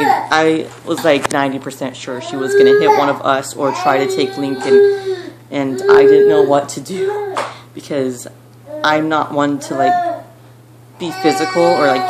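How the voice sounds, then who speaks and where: A young woman telling a story to camera at home, rambling with lots of fillers and animated retellings. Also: rumbling low. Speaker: vlogger. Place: at home, child nearby. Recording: noisy home recording with clicks.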